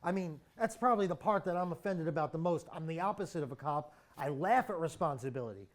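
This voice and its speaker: A man's voice: a little high, expressive, fast talker, natural voice. A young man playing a cowardly, irresponsible slacker in a naturalistic comic drama, whiny and pleading as he babbles. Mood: indignant, nervous.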